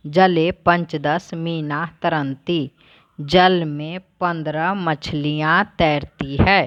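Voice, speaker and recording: A woman teacher talks through a lesson, reading each word aloud before explaining it plainly. Her voice sits low and she speaks at an unhurried pace. The recording is dry and a little muffled. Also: fairly bright tone, dry recording. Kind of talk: slow, deliberate lesson explanation.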